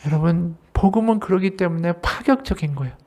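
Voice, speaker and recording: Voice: medium pitch, fairly quick, darkish tone. An associate pastor preaching a sermon at a church service, talking straight to the congregation and asking them rhetorical questions.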